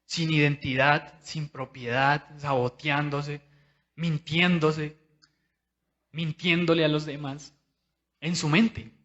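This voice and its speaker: A man's voice: a little high, little pitch movement, takes it slowly, pauses often, fairly bright tone, highs cut off. A man preaching a sermon in a conversational, personal way, speaking straight to his listeners.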